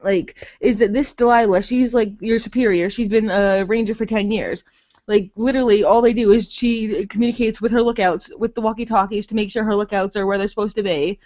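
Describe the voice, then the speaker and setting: Speaking briskly in a mid-range, slightly mellow voice with fairly even intonation, a woman chats through a casual, unscripted game review on her podcast. She rambles, leans heavily on "like," and is blunt and profane, all on a muffled recording.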